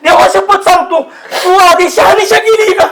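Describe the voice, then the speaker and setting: Older man with a high voice in a roomy space, a coaxing, scolding elder in a comedy sketch. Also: fairly even intonation, normal speed, heavy background noise. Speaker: elder relative. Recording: roomy echo.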